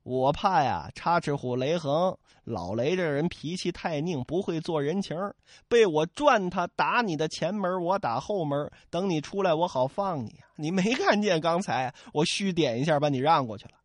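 A man voicing a sly male constable who secretly helps a fugitive, talking in an urgent hushed way. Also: fairly high pitch, lively intonation, normal speed, no room sound. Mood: urgent, confiding. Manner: urgent, hushed then pleading.

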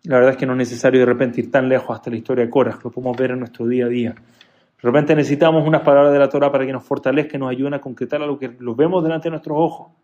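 A man teaching a religious class who tells stories in an animated way, moving between loud emphasis and soft asides. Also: mid-range voice, very fast, highs cut off. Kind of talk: Torah class.

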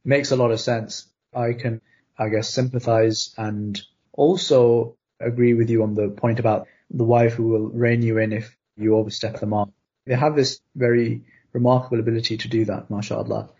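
Husky-voiced male interviewer. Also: mid-range voice, flat delivery, moderate pace, dark tone. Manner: casual, thoughtful questioning. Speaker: interviewer, podcast host. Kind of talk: interview questions. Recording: dull lo-fi audio.

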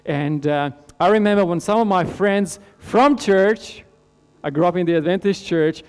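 Preaching at a normal, smooth pace, a pastor from Romania asks sincere rhetorical questions, his voice sinking soft and low at the close of each phrase. Long hall reverb and a mains hum color the audio.

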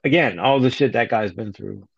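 A man's voice: lowish voice, normal speed, creaky, breathy edge, no echo. A man co-hosting an unscripted book podcast, rambling casually and swearing now and then. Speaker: podcast co-host. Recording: dry, dull lo-fi sound.

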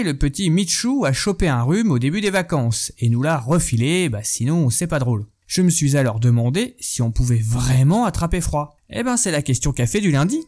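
A man's voice: on the high side, darkish tone. A man in his thirties hosting a casual comic chronicle, joking in asides to his baby son. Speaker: podcast host.

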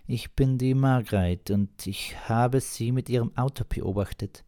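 A man's voice: medium pitch, measured pace, mellow, no echo, studio quality, voice pushed up, natural voice. A man voicing a talkative village woman who chats unbothered and bosses the young cook about. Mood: chatty. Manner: chatty, bossy, unbothered. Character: chatty bossy village woman.

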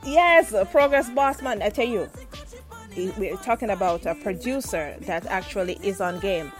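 A radio show host runs a lively online interview, effusive and gushing with praise while laughing often. Her voice is medium-pitched at a moderate pace, with music in the background.

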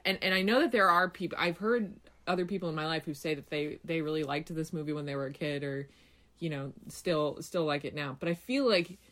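A woman co-hosting a casual podcast chat, wry and hesitant, giving frank opinions. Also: low voice. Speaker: podcast co-host.

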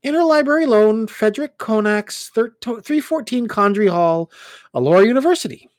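A man's voice: high-pitched, moderate pace, no room sound, studio quality, voice pushed up. A man voicing a brash, bubbly young woman who works as a library clerk and swears cheerfully. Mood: excited, teasing. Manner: excited, blunt, teasing.

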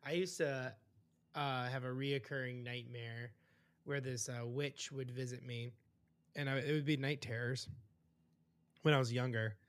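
A man hosting a podcast, chatting casually and sharing a childhood memory with a relaxed manner. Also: mid-range voice, unhurried, long pauses. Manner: relaxed, reacts with short interjections. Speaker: podcast host. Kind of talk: casual chat.

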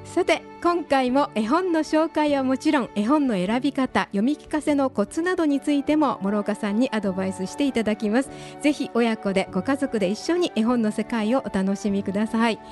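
A woman's voice: on the high side, lively intonation, brisk, darkish tone, soft background music. A woman hosting a radio talk show, chatting politely and attentively and laughing easily. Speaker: radio host.

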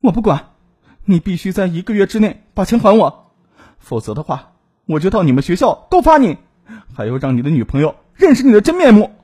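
A shrill jilted young woman, as a man puts her on. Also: big pitch swings, brisk, mellow, husky, exaggerated voice. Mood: threatening. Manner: shrill accusing tirade. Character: jilted furious young woman demanding money.

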